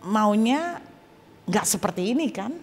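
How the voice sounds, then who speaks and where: A woman guest preacher telling a personal testimony in a sermon, animated and humorous, with casual colloquial asides. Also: mid-range voice, unhurried, a little hiss or hum. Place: church auditorium. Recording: long church hall reverb.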